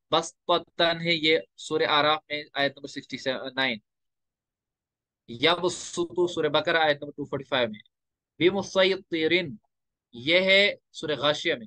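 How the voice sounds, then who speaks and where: A man teaching Quran recitation rules in a lecture, explaining step by step and slowing down to recite example verses. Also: on the high side, bright, forceful tone, dry recording.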